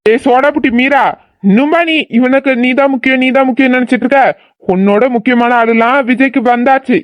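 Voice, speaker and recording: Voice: high voice, fairly even intonation, a little fast, dry recording, lo-fi sound, natural voice. A performer voicing a teasing, joking young man who mocks his friends. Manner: mocking, playful.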